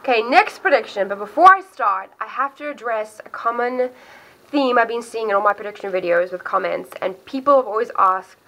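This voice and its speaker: Talking fast and animated in a slightly high, pushed, bright voice, this South African woman runs an MMA video channel and shares her fight picks. Her accent mixes South African and American, and she's chatty, cheerful and prone to cutting herself off. The audio quality is poor.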